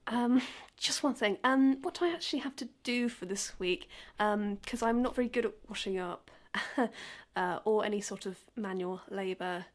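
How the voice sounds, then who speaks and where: A young woman, narrating her own strange story in a nervous, self-deprecating monologue with many halting fillers. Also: mid-range voice. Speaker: narrator and lead character. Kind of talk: first-person dramatic monologue.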